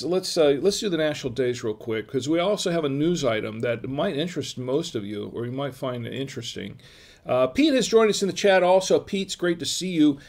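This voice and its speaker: A man's voice: mid-range voice, a little mellow. An older man from Florida hosting a home wine vlog, chatting in a rambling, digressive way with lots of fillers and chuckles, recorded on a webcam at his desk. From Florida, USA. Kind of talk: casual rambling livestream chat. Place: home room with wine bottle shelves.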